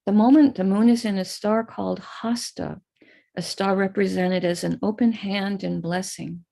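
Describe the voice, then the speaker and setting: Leading a live prayer ritual for people on a video call, an American woman teacher alternates slow chanted invocations with calm guidance. Her voice is mid-range and gravelly.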